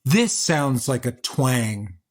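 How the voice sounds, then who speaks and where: A man's voice: medium pitch, big pitch swings, slow. A man hosting an interview, asking curious, searching questions about music. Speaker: interviewer host.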